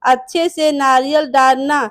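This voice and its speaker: A woman's voice: high voice, level tone, measured pace, no room sound, studio quality. A woman voicing a sly young daughter-in-law who pleads sweetly and mocks her mother-in-law in a storybook tale.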